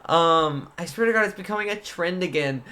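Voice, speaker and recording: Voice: mid-range voice, brisk, bright, forceful tone. Playful young streamer from the US Midwest. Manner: playful, joking, addressing chat. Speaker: guest content creator and streamer. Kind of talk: casual chat on a livestream.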